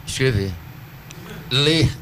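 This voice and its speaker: A cordel poet with a Northeastern Brazilian Portuguese accent is a guest in a radio studio, explaining at length in an interview. His mid-pitched voice is fairly bright with lively intonation, and he speaks earnestly and like a teacher, slowing and drawing out words to stress rhythm and syllables. A faint hiss runs beneath the recording.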